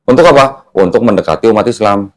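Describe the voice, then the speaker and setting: With a low, darkish voice and a quick pace, the host of a religious discussion explains things step by step, teaching conversationally and checking his listener's understanding through leading questions.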